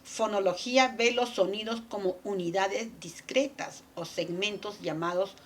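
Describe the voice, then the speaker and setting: A woman's voice: mid-range voice, measured pace, a little hiss or hum. A woman teaching a lesson, explaining step by step and answering her own questions, with frequent tag questions and fillers. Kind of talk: lecture on language development.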